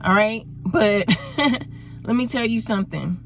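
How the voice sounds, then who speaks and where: Woman over forty, motivational vlogger talking from her car: slow, unhurried, winded, laughs between points. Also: mid-range voice, vocal fry, slight background noise. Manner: laughs often, drawn-out emphatic phrasing. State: a little out of breath. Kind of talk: casual motivational talk to camera. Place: parked car in winter.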